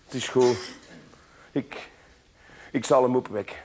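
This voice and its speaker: A man's voice: medium pitch, steady tone, unhurried, slight background noise, voice pushed down, natural voice. A man with a Flemish accent voicing a cheeky, smug boy who works miracles, teasing and offhand. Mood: sulky.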